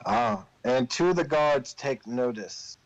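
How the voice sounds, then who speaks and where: A man's voice: mid-range voice, very animated, slow, creaky, no room sound. Man game master, dull dry recording. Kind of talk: improvised tabletop game narration.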